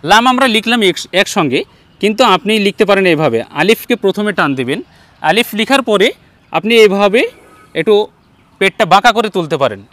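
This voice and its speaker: A man with a Bangladeshi Bengali accent teaches Arabic letter sounds in an online Quran lesson. His voice sits fairly high, and he draws each letter out slowly and patiently. The sound is dry and close, with no room echo. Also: expressive, fairly bright tone. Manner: slow, patient, drawn-out letter demonstrations.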